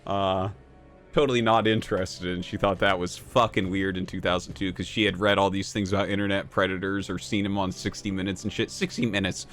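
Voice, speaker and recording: A man's voice: deep voice, level tone, a little fast, a bit bright. Guy in his 30s streaming games, swears a lot, sarcastic rant, music faint in the back. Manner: profane, sarcastic. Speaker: game streamer. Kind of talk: casual storytelling and gameplay rant.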